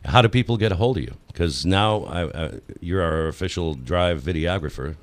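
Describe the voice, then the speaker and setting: A man with a very deep voice hosts a casual radio interview, asking friendly questions in a halting way with plenty of fillers. His voice sits close and dry on the mic. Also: no echo. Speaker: radio host.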